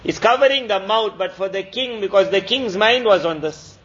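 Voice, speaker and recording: A man's voice: sits high, moderate pace, fairly bright tone. A male preacher telling a story in a sermon and drawing moral lessons with repeated, emphatic phrases, in a slightly muffled recording.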